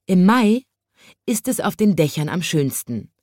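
Low-voiced woman reading a children's story. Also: big pitch swings, no room sound, clean studio sound. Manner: gentle, measured storybook telling.

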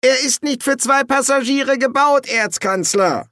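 A jittery wizard bursar, as a male reader puts him on, nervous and mechanical. His voice is pitched high and tight, delivered dry and close as an audiobook. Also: a little slow, sharp tone, dry recording, full character voice.

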